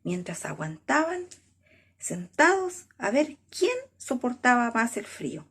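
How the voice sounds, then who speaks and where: A woman telling a children's story in a slow, expressive way, with a husky, breathy voice and whispered asides. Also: fairly high pitch.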